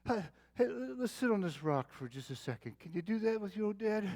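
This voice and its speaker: A man's voice: high-pitched, expressive, fairly quick, a little mellow. A man acting as the aging patriarch Abraham, speaking in a theatrical monologue to his young son. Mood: tender. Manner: theatrical monologue, calling out, then tender and confiding. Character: aging male patriarch Abraham, weary and devoted father. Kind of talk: dramatic Bible-character monologue.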